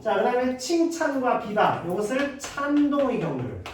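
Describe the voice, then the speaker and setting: A man's voice: very high voice, sing-song, moderate pace. A man teaching an exam-prep lecture who acts out short dialogues between students and teachers. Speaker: Korean literature teacher. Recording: echoey room, mic at a distance, faint hiss.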